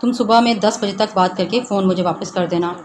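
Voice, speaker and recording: A woman voicing a gruff, commanding young husband who gives curt orders. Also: medium pitch, lightly acted. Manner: curt, bossy. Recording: noisy background hiss.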